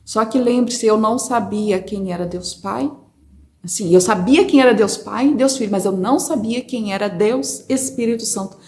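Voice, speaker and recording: A woman with a Brazilian Portuguese accent, telling her personal faith testimony to viewers in an expressive, chatty way from a corner of her home. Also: medium pitch, normal speed. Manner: expressive storyteller, addresses viewers as brothers. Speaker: testimony speaker. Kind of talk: personal religious testimony, casual.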